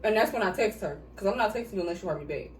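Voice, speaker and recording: Racing along in an animated, medium-pitched voice, a vlogger answers couple questions while eating on a mukbang, talking casually, bluntly, and with plenty of swearing. The mic sits at a distance in an echoey room, with faint hiss.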